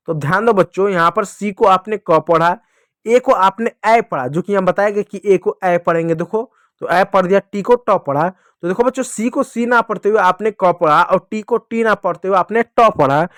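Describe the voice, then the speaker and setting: A man teaching English to children, slowly drawing out spelling drills and prompting the kids to repeat. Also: high-pitched, fairly bright tone, dry recording, clean studio sound. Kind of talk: classroom-style teaching lesson.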